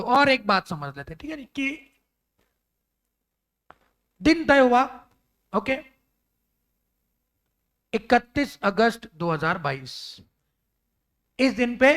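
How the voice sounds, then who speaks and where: A man's voice: sits high, sharp tone. A man teaching a law lecture in a classroom, acting out little scenes and talking with students, mixing in English terms.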